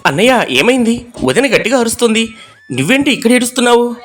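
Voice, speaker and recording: A man voicing a gentle, humble young husband who speaks softly and politely. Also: very high-pitched, sing-song, quick pace, exaggerated voice. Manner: soft, pleading, polite. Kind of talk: animated storybook voice acting.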